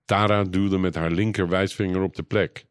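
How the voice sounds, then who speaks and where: A man reading a children's storybook aloud in a calm, even narration. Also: sits low, normal speed, dry recording, studio quality.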